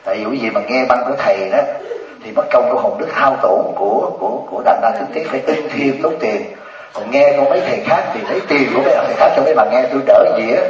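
A Buddhist monk in his 70s gives a humorous dharma talk, telling stories and teasing his listeners. His mid-range voice is quick, and the distant, echoey, dull lo-fi hall recording picks up crowd noise and audience laughter.

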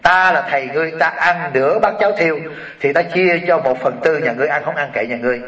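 A man voicing a stern, curt monk teacher, speaking low and quiet. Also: fast, reverberant, recorded from a distance, lightly acted.

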